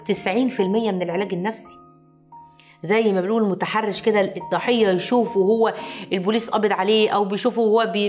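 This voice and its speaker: Egyptian woman, parenting lecturer, rapid delivery, emphatic, repeats key points, rhetorical questions, faint music behind. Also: mid-range voice. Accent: Egyptian Arabic. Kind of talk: informal lecture.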